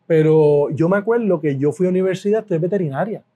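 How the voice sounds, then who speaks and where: Mellow-toned Puerto Rican man telling stories. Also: high voice, fast talker, highs cut off. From Puerto Rico. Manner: animated, repeats words for emphasis, laughs while telling stories. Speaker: guest, food business owner. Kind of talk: casual interview storytelling.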